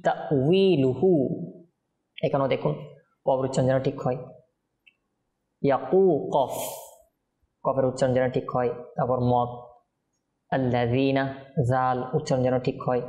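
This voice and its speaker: A man teaching Quran recitation, chanting verses slowly and melodically, then explaining pronunciation rules in quick, plain speech. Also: medium pitch, darkish tone, reverberant. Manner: alternates slow melodic chanting with brisk explanation.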